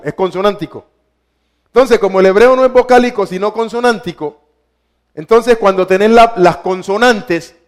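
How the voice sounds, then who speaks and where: A man preaching in a high, unhurried voice, teaching rather than shouting. He keeps stopping to quiz his listeners with questions and repeats key words again and again, drawing each point out slowly. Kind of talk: teaching sermon.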